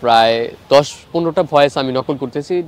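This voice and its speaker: A man's voice: medium pitch, a little fast, slight background noise. A young man from Bangladesh speaking earnestly about his mimicry and life. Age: young adult. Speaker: interviewee, mimicry artist. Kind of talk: reflective talking to camera.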